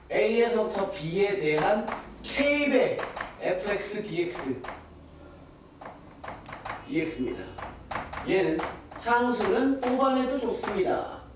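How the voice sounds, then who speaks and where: A man's voice: high voice, very animated, drawn-out words, pauses often. A man teaching a math class, quizzing his students and answering his own questions. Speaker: math tutor. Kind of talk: classroom lecture. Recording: echoey classroom, distant mic, hiss.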